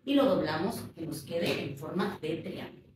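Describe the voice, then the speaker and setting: A woman's voice: on the low side, animated, normal speed, darkish tone. Woman teaching sewing in an echoey room. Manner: patient, instructive, counts out measurements. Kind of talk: step-by-step sewing tutorial. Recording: echoey room, voice a bit far from the mic, faint noise.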